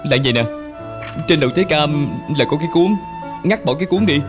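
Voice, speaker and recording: A man dubbing a brash young male ex-convict in a film, talking in a quick, mocking way. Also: fairly high pitch, over music, natural voice. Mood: explaining. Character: cocky young male ex-convict just out of jail. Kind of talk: film dub.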